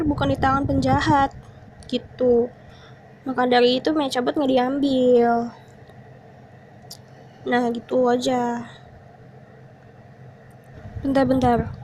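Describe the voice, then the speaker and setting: A woman's voice: sits high, slight background noise. A woman doing casual horror game streamer commentary, talking to viewers and muttering repeated short phrases to herself as she plays. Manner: muttering to self, repeating short words while reacting. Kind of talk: casual gaming commentary, explaining to viewers while playing.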